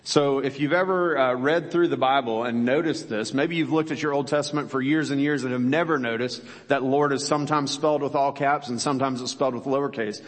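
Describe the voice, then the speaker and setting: A pastor giving a conversational sermon in a church, full of rhetorical questions. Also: male voice, mid-range voice, fairly even intonation, brisk, hardly any pauses. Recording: long hall reverb.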